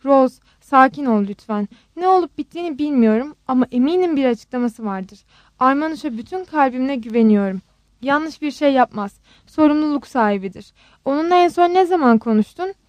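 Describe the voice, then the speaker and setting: A woman voicing a worried middle-aged man who speaks in a steady, soothing way. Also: high voice, a little fast, dry recording.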